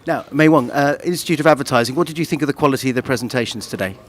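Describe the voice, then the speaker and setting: A man's voice: medium pitch, racing, slight background noise. A man hosting a panel interview at a media festival, talking casually with frequent "uh" and "um" fillers and restarts. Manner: hesitant, many fillers and restarts. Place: festival venue.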